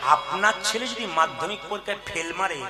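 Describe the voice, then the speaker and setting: A man with a fairly high voice preaches at a live kirtan, mixing lively storytelling with sung verses. Loud harmonium and tabla play behind him. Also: a little fast, loud music behind the voice. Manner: lively storytelling, urges the audience to repeat lines loudly. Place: live devotional stage before an audience.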